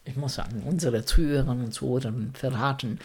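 Speaking German with a Roman Italian accent, this interviewee replies thoughtfully, hunting for words as his grammar slips in non-native ways. His mid-range voice is husky and fast.

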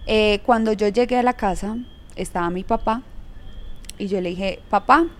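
A woman's voice: medium pitch, normal speed, a little mellow. A young woman telling a personal story frankly, laughing often as an interview guest. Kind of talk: candid storytelling in conversation.

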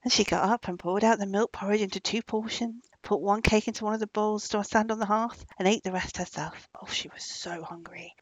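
A woman narrating a folk tale gently, sometimes dropping into soft whispers. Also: medium pitch, steady tone, brisk, few pauses, no echo, poor audio. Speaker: storyteller. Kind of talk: storybook narration.

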